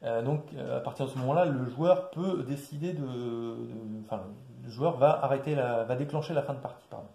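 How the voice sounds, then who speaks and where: A man casually walking through a board game's rules, with many fillers and restarts, recorded quietly in an echoey room. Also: brisk, gravelly, hardly any pauses. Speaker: board game presenter. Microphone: quiet distant mic. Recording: echoey room, low level.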